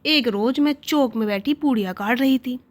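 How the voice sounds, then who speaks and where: A woman's voice: on the high side, normal speed, close to an everyday voice. A woman voicing an upset, stubborn young wife who complains indignantly about leaving today. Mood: complaining.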